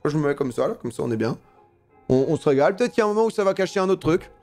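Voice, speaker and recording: A man talking through a live game stream in a loose, slangy manner, cursing now and then and reading on-screen text aloud before reacting. His voice sits a touch higher than most men's. Faint music plays underneath. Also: animated, very fast, a little mellow. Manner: casual, slangy, swears freely. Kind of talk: live gameplay commentary.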